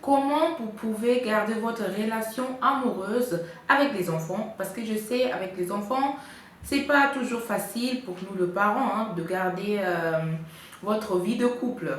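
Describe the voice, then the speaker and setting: A woman's voice: mid-range voice, a little slow. Female vlogger from Congo, casual advice chat, hesitant, very echoey room with faint noise. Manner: chatty, with frequent hesitations. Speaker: vlogger giving couple advice.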